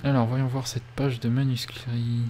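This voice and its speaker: A man's voice: medium pitch, little pitch movement, measured pace, mellow, faint music behind. A man doing casual let's play commentary, musing and thinking aloud as he goes.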